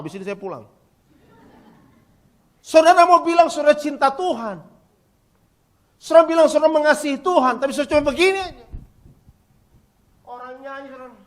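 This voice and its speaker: A male pastor preaching a sermon, talking straight to the congregation and calling for their replies, swinging from near-shouts down to quiet, low passages. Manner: emphatic preaching, rising to near-shouts, then dropping quiet; addresses congregation directly, asks for replies.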